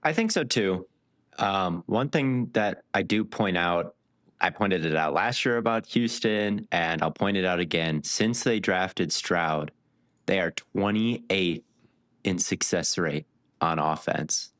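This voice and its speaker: Deep-voiced man breaking down stats. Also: slow pace, no room sound, studio quality. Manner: stat-heavy, animated analysis. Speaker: podcast co-host. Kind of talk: casual sports chat.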